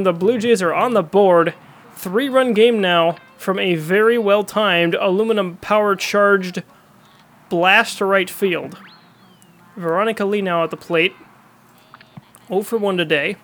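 Male play-by-play baseball announcer, high voice, dramatic calls. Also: fairly bright tone. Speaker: play-by-play commentator. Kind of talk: baseball video game play-by-play commentary.

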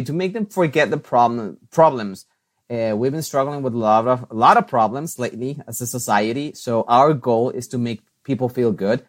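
Being interviewed as a guest, a man from Mexico who hosts on TV and radio speaks in a mid-range voice; Spanish is his first language. He's upbeat and chatty, quick to laugh, and often restarts or uses fillers.

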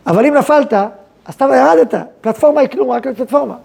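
A male rabbi lectures in a gravelly, dark voice, asking questions and answering them himself. The talk is lively and conversational, the way a yeshiva head teaches his students. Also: extremely high pitch.

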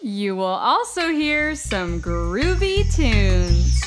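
A woman's voice: medium pitch, very animated, very slow. A woman hosting a children's story podcast, reading scripted promotional narration. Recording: music behind the voice.

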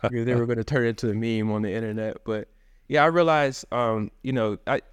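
A man's voice: mid-range voice, fairly even intonation, fast talker, clear, resonant tone, dry recording. Chatty man talking casually as a guest. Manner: casual and chatty, sprinkling "you know" and "man". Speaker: interview guest. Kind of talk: casual conversation.

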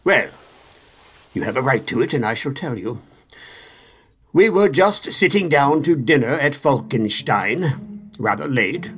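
Narrator putting on a sulky, self-satisfied old storybook king; rambling, animated delivery. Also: medium pitch, unhurried, long pauses, soft background music. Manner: rambling, grumbling, pleased with himself.

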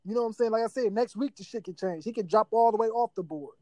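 A man's voice: high voice, quick pace, a little mellow, dry recording. A young man co-hosting a casual podcast over a phone call, insistent and talking over the others with repeated words. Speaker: podcast co-host. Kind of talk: casual argumentative chat.

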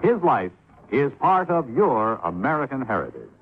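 Male vintage radio announcer, expressive swings in pitch, scripted quiz-style read, narrow tinny sound. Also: normal speed. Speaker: announcer of an educational spot. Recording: tinny, faintly noisy 1950s radio recording.

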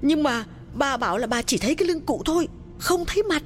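Man putting on a very high lively voice, young servant girl, anxious and curious, storybook telling. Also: faint music behind. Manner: curious, pleading, quick questions.

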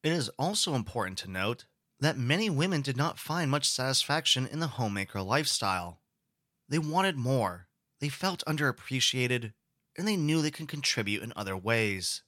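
Brief: a male lecturer who explains and poses questions, with a bright tone and a dry, close recording. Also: mid-range voice, expressive, normal speed, no room sound. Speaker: history lecturer.

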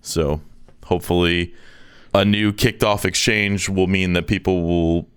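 Low-voiced, smooth man on a podcast. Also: steady tone, a little slow, fairly bright tone. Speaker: podcast co-host. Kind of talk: casual chat.

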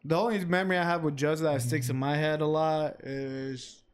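High-voiced young man telling slangy stories. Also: steady tone, normal speed, clean tone. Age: young adult. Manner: heavy slang, profane, calls listeners bro and dude. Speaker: podcast co-host. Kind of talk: casual storytelling banter.

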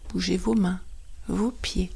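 Female meditation guide: soothing near-whisper, breathy and husky, very level intonation, short spaced phrases. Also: on the low side, fairly even intonation, slow, dark tone.

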